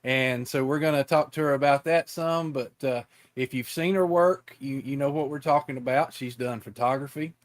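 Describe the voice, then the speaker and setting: Folksy halting male podcast host. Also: mid-range voice. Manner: folksy, halting with many ums and restarts. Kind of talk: casual interview.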